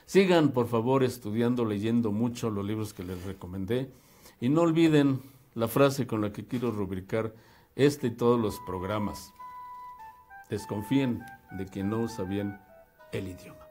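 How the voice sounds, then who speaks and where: A man with a Mexican Spanish accent teaches language on a broadcast program, in a voice that sits a little low. He explains carefully and speaks straight to his listeners, breaking words down syllable by syllable. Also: a little slow, dark tone, faint music behind. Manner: didactic, addresses listeners directly, spells out syllables.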